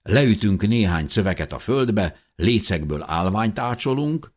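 Eager handyman, upbeat, higher voice, rallying, read by a man. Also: animated. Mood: reassuring. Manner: enthusiastic, encouraging. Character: eager grown man, hands-on organizer.

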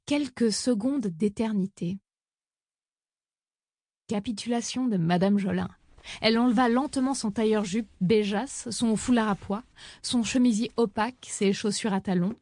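A woman narrating an audiobook story in an even, measured reading on a close microphone. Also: mid-range voice, dry recording.

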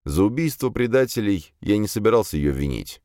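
A man narrating a first-person fantasy audiobook in a measured, wry tone. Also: fairly low pitch, big pitch swings, darkish tone, dry recording, clean studio sound.

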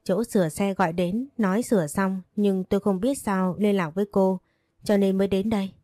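A kind young man who talks gently and wants to help, as a woman narrator reads his lines. The voice is warm and mellow. The audiobook sound is dry and close. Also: medium pitch, fairly even intonation, normal speed, no echo, soft background music, lightly acted. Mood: gentle.

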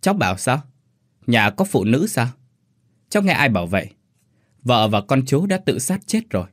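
A man voicing a calm, mild middle-aged neighbor. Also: mid-range voice, moderate pace, dry recording, clean studio sound.

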